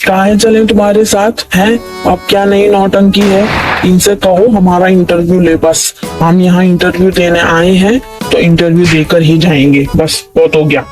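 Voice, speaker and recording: A man's voice: high voice, level tone, normal speed, lightly acted. A man voicing a short-tempered male job applicant in a cartoon, scolding in an indignant rant. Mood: fed up. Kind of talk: cartoon dialogue. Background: music.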